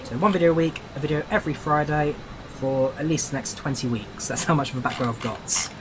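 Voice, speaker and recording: A man's voice: fairly high pitch, fast talker. A man chatting casually and thinking aloud as he commentates on a flight simulator livestream. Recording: steady background noise, engine-like ambience.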